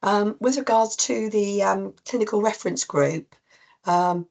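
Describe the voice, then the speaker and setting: A woman with a cold, husky and coughing, giving an informal online talk to practice teams with many ums and restarts. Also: mid-range voice, unhurried, darkish tone. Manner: rambling with frequent ums and restarts. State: coughing, voice strained. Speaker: clinical lead presenting to practice teams. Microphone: video call.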